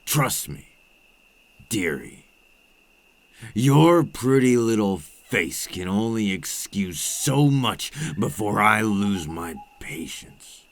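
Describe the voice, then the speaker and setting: Angry and warning, a man in an ASMR roleplay acts as a cold, possessive vampire captor using a lowish, very animated, exaggerated voice. His menace is deliberate and condescending, and he drifts into breathy murmurs.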